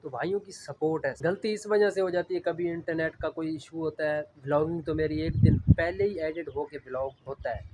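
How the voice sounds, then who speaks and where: A man's voice: fairly high pitch, a little fast, few pauses, background noise. A man from Punjab, Pakistan, talking casually to camera as a vlogger, earnest and rambling with a repeated filler phrase. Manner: earnest, rambling, heavy use of the filler "jo hai".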